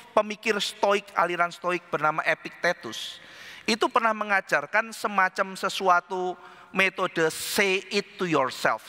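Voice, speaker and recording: A man preaching a sermon to a congregation, talking animatedly and acting out inner voices in a mix of formal and casual speech, recorded in a large church hall. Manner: animated, acts out inner voices with sharp pitch jumps; addresses congregation as saudara, colloquial Jakarta slang mixed in. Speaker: pastor.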